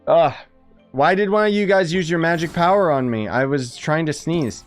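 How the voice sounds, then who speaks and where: Faint music plays behind a man with a fairly high voice who talks at normal speed. He's a gaming streamer offering informal, slangy commentary while playing and chatting with viewers, exclaiming and chuckling as he goes.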